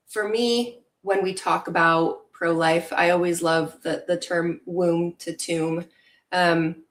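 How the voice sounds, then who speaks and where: Earnest young woman, lowish voice. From Venezuela. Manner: earnest, reflective, many fillers. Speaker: guest. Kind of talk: casual interview talk.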